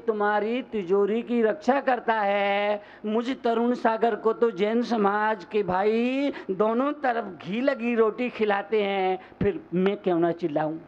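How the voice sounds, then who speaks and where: Loud, high-pitched preaching man, gravelly. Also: a little hiss or hum. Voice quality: loud, forceful delivery. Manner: repeats phrases, calls on the audience to answer. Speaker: monk preacher. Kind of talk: sermon. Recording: dull lo-fi sermon recording.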